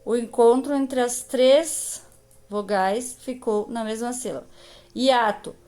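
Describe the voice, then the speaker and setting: Brazilian woman teacher for a kids' lesson, slow and patient, a touch high. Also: warm tone. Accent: Brazilian Portuguese. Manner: slow, patient, stretches out example words. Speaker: primary school teacher. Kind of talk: recorded grammar lesson.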